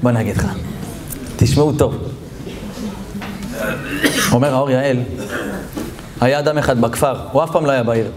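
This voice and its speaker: A man giving a lively Torah lesson as a rabbi, telling stories, chuckling as he talks and slowing down to stress the texts he quotes. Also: a crowd in the background. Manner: animated, jumps into character voices and high exclamations; chuckles while talking. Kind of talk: lively sermon with storytelling.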